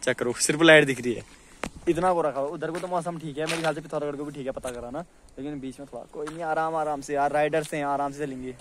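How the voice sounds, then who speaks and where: A man's voice: fairly high pitch, steady tone, quick pace, a little hiss or hum. A young man chatting to the camera on an outdoor hill road during a casual motorbike travel vlog. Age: young adult. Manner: chatty, talks straight to the camera. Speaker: vlogger. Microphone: camera held at arm's length and helmet camera.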